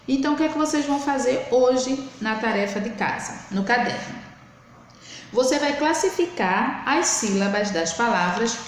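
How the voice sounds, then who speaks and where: A woman teacher speaks slowly and patiently to young pupils in a remote lesson, drawing out each word syllable by syllable. Her voice sits fairly high. It rings around a very echoey room, with faint noise underneath. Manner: slow, patient, spells words out syllable by syllable. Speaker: primary school teacher. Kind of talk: recorded remote lesson for children.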